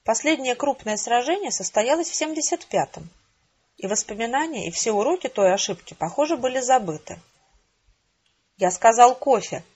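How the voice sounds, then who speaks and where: A woman narrates a first-person audiobook in a measured, dry and even way. Her voice is husky and sits slightly high. The recording sounds dull and lo-fi.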